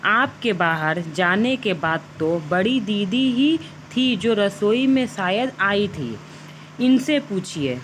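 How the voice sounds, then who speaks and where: A woman's voice: medium pitch, lively intonation, slow, slight background noise, low-quality recording. A woman voicing a greedy, scheming younger daughter-in-law in a family storybook tale, with a sly, sneaky manner. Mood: feigning innocence.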